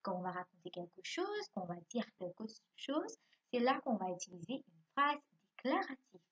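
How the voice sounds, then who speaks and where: Woman teacher with a high, slightly husky voice. Quizzes and self-answers, spells words slowly, lo-fi sound. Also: sing-song, fairly bright tone. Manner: asks questions and answers them herself, spells words letter by letter. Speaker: primary school teacher. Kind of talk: recorded remote class lesson. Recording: dull lo-fi recording.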